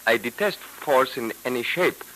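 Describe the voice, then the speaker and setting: An actor in old radio drama style playing a courteous, resigned Egyptian cult captive with formal, deliberate phrasing. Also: male voice, medium pitch, animated, sharp tone. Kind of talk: 1940s radio drama acting. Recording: noisy vintage radio recording.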